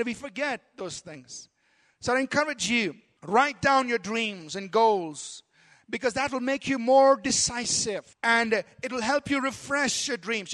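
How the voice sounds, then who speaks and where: Man, pastor, sermon, very high-pitched voice, emphatic, calls for amen. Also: a bit bright.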